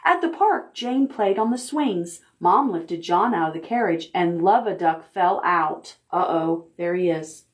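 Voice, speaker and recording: Speaking at a fairly low pitch but with animation, a female librarian reads picture books to preschool children. She stops to put questions to them, keeping her delivery gentle and deliberate.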